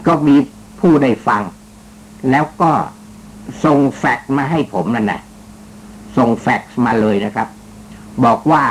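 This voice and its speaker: In his casual commentary, this talk show host is a teasing, joking storyteller who stays polite and uses lots of particles. His voice is mid-range, and the rough recording carries slight background noise.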